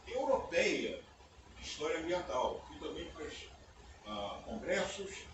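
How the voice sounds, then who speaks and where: In an echoey university auditorium, a guest lecturer, an older native English speaker from the United States, addresses a conference in a voice on the high side. His talk is easygoing and conversational, frequently closing phrases with "né?" as he checks on his audience, captured by a distant mic amid background noise.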